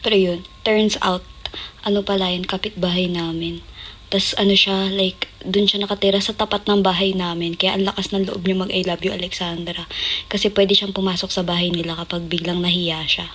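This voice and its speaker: A woman's voice: mid-range voice, flat delivery, moderate pace, a bit bright, breathy edge. A young woman telling stories on a casual livestream, laughing often and acting out quoted lines in a raised voice. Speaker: idol group member on a livestream.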